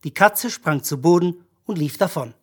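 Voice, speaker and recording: A narrator reading a story for an audiobook in a measured, even-paced manner. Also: medium pitch, slightly rough.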